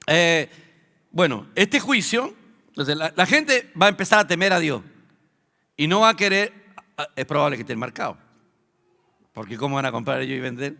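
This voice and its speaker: High-voiced Chilean pastor in a hall. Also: male voice, very animated, gravelly, pushed and bright. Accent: Chilean Spanish. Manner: conversational teaching with filler pauses. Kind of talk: sermon. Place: church hall. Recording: long hall reverb.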